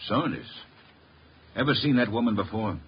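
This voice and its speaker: An actor playing a gruff, bossy police inspector, curt and sarcastic, in an old-time radio drama. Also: male voice, on the low side, moderate pace, lightly acted. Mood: interrogating. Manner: curt, barking, sardonic. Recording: muffled, noisy 1950s radio recording.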